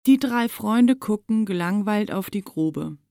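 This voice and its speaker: Female storybook narrator, gravelly, dry close sound, expressive. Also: medium pitch, measured pace, no room sound. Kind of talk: children's story reading.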